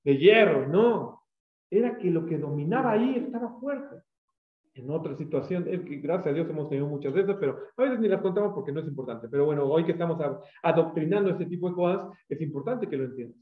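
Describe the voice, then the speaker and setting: A Mexican-accented male pastor preaches with a high, lively voice, slipping into the voices of people in his stories. He is heard through an echoey room on a thin, phone-like line. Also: fairly quick. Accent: Mexican Spanish. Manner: animated, acts out quoted voices. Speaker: pastor and teacher. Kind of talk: sermon with storytelling.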